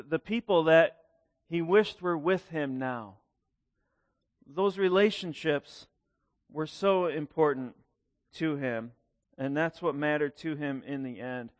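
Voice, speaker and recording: A male pastor gives a chatty, folksy sermon, often repeating words as he goes. His voice sits a little higher than most men's. The sound is close and dry, with no room echo. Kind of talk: conversational sermon.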